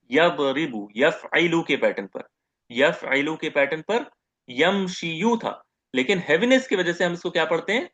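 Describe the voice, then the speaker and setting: A man giving a grammar lecture as teacher, posing questions to the class, answering them himself and repeating each term slowly. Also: a little high, fairly bright tone. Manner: asks questions and answers them himself, repeats terms, says "okay" often.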